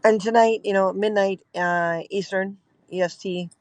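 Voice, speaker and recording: A woman's voice: medium pitch, steady tone, unhurried, dry recording, poor audio. A woman hosting a casual livestream from a car, chatting in a rambling way with lots of fillers. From Canada. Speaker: livestream host. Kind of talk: casual live chat while riding in a car. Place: in a car at night.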